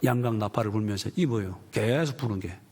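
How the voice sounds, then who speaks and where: A man preaching a sermon as pastor, telling stories with lively acted-out voices. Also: lowish voice, quick pace. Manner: animated storytelling, acting out quoted voices.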